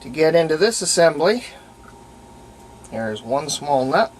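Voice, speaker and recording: A man with a fairly high voice and big pitch swings speaks at a measured pace while hosting a radio restoration video. Unscripted and plainspoken, he demonstrates a hands-on repair and thinks aloud as he works. The audio is poor, with slight background noise.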